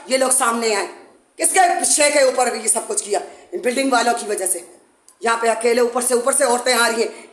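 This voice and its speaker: A mother from Pakistan makes an impassioned public appeal to camera from inside her home, urgently accusing and pleading over and over. Her voice is high and a bit bright, and the room is echoey.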